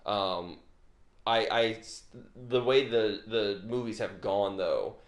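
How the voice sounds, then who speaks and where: An upbeat man rambling through a casual film chat, often restarting his sentences. His voice sits on the low side. He sounds like he is in an echoey room. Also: slow. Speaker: podcast co-host.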